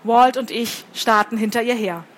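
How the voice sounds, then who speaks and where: A woman author reading her own novel aloud at a book fair, in lively, wry first-person narration. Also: on the high side, moderate pace.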